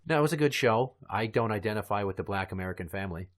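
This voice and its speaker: A man with a somewhat low voice hosting a comedy podcast. He chats casually, building up morbid gags with a little run-up and crude asides. His delivery is loose and conversational. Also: lively intonation, racing. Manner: dark crude joking, storytelling. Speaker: podcast host.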